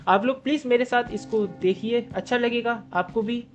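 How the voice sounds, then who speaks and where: A young man giving live gameplay commentary for his gaming channel. He jokes and swears constantly and yells in panic during fights. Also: very high voice, normal speed, faint music behind. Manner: excitable, swears constantly, jokey banter.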